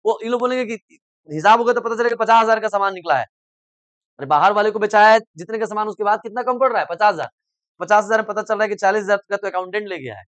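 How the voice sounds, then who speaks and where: A middle-aged male teacher lectures in a coaching classroom with a high voice, talking very fast. He explains in simple terms with everyday examples and keeps prodding students to answer whether they follow. The sound is dry and close. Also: fairly bright tone, dry recording. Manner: repeatedly asks "samajh mein aa raha hai?" and prods students to answer.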